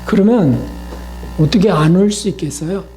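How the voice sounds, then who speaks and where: A man's voice: sits high, expressive, moderate pace, warm tone, faint music behind. A male pastor preaching a sermon in a conversational style, often asking the congregation questions and acting out quoted voices.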